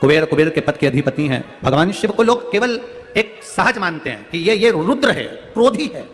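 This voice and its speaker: A man's voice: fairly high pitch, sing-song, moderate pace. A man preaching a devotional sermon to a crowd in a large pavilion, telling stories, repeating phrases and rising to emphatic peaks. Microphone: public address microphone. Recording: long hall reverb, soft music behind.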